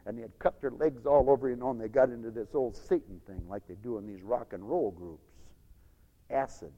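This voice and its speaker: A man preaching a sermon as dramatic storytelling, acting out crowds and swinging from loud shouts to hushed asides. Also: medium pitch, brisk, muffled recording. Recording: long hall reverb.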